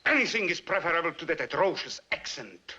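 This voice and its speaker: An actor playing an imperious, contemptuous Soviet premier who barks orders, in a 1950s film. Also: male voice, a little high, sing-song, brisk, sharp tone, heavily acted. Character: imperious scornful Soviet premier, older man. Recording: dull 1950s film soundtrack.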